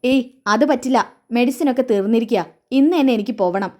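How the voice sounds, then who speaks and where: A woman's voice: a little high, brisk, warm tone, close to an everyday voice. A woman reading the lines of a bitter, scornful middle-aged mother who taunts her children, in a serial recap. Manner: taunting, self-pitying.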